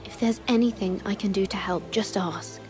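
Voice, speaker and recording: A woman's voice: mid-range voice, fairly even intonation, normal speed, music in the background, natural voice. A young woman acting a loyal, resolute noblewoman in a medieval fantasy video game, polite, sincere and direct. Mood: sympathetic. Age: young adult. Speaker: actor voicing a video game character. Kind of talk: dramatic video game dialogue.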